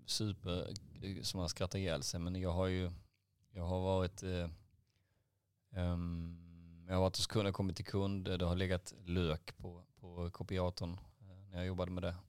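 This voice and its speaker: A man's voice: deep voice, completely flat delivery, a little mellow, clean tone, no room sound. A man in his forties, a podcast co-host, telling rambling IT work anecdotes with lots of fillers and swearing.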